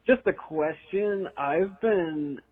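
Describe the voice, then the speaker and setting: A man in his twenties leaving a slow, halting voicemail question for a show, heard over the phone. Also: high-pitched, breathy edge. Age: 20s. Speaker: caller. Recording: tinny phone line voicemail.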